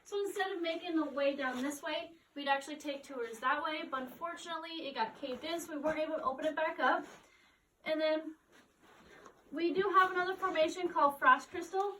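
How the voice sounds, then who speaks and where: Cave guide, woman, high voice, informal explanatory delivery, distant mic inside a cave. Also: fast talker, fairly bright tone, a little hiss or hum. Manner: casual, frequent "like" and "kind of". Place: inside a cave, speaking to group.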